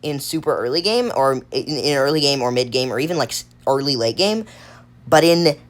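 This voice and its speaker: A woman's voice: a bass voice, lively intonation, fairly quick. A woman giving casual tier-list commentary on a card game, thinking aloud and rambling with fillers and restarts. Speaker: gaming video creator.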